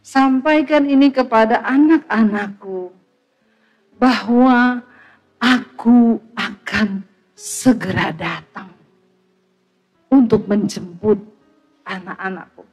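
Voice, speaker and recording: A woman preacher voicing a solemn, calm male divine figure in a sermon, speaking low and slow. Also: faint music behind, low-quality recording.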